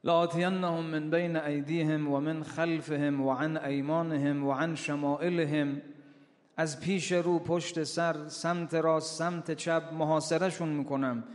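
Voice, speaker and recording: Preacher, male, higher-than-usual voice, declamatory sermon delivery, long hall reverb. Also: flat delivery. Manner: declaiming, quoting Quranic Arabic.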